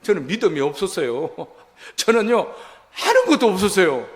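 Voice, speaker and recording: A middle-aged male pastor preaching a sermon in a church, folksy and animated, acting out quotes from his congregation. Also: sits high, normal speed. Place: church sanctuary. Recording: long church hall reverb.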